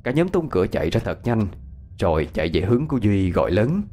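A man narrating a ghost story in an expressive, dramatic way. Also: fairly low pitch, quick pace. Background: faint music.

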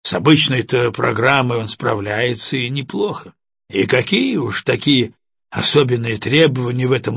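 A man's voice: medium pitch, gravelly, a bit bright, breathy edge, no room sound, lo-fi sound. A man reading an audiobook, voicing a stern, sarcastic middle-aged father who speaks coldly and accusingly. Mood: dismissive. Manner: cold, accusing.

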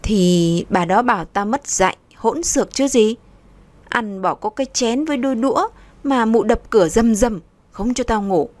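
A woman voicing a stubborn, sharp-tongued pregnant young woman who answers with brash, scornful retorts. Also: on the high side, moderate pace, dry recording, natural voice. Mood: defiant.

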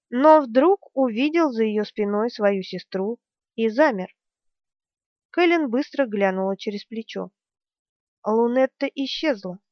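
A woman's voice: a little high, no room sound. A woman reading a fantasy audiobook with tense, vivid storytelling. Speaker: audiobook narrator. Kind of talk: dramatic fantasy audiobook narration. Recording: dry, dull lo-fi recording.

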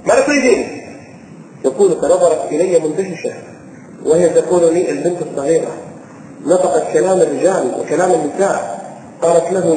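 Preacher, high-pitched voice, emotional sermon storytelling, recorded in an echoey hall with faint hiss. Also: male voice. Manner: emotional, swings from hushed to impassioned; chants verse and Quran slowly.

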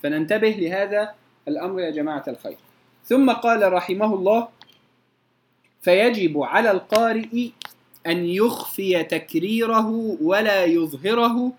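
A man gives a recitation lesson. He explains patiently and repeats example sounds to show them. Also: high-pitched. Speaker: Quran recitation teacher. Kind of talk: tajweed lesson.

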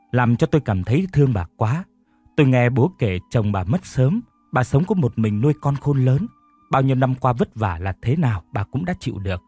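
A man narrating a sad story in the first person in a sorrowful, steady way. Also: mid-range voice, husky, dry recording. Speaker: audiobook narrator.

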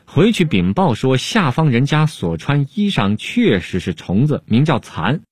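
A man's voice: mid-range voice, a little mellow, husky, dry recording, clean studio sound, pitched above the performer's own voice. A man playing a sly, drawling court jester. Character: sly, unflappable male Han court jester-scholar.

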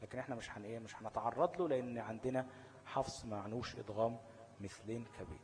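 A man's voice: medium pitch, fast, darkish tone. A man with an Egyptian Arabic accent teaching Quran recitation rules, often posing fill-in questions and checking that listeners follow. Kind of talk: explanatory lesson.

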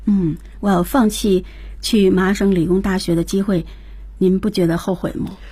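A woman's voice: mid-range voice, level tone, moderate pace, warm tone, husky, dry recording. A woman co-hosting a radio English lesson, introducing each new word and summing up what the teacher said. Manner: prompts the next word and recaps the teacher. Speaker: radio co-host. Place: radio studio.

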